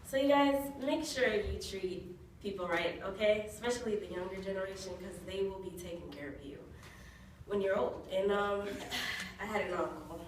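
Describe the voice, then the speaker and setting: A woman's voice: mid-range voice, normal speed. Woman doing stand-up in an echoey club. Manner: deadpan storytelling, laughing at her own jokes. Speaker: stand-up comedian. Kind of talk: stand-up comedy set. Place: comedy club stage. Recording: echoey club recorded from far off. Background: audience laughter and noise.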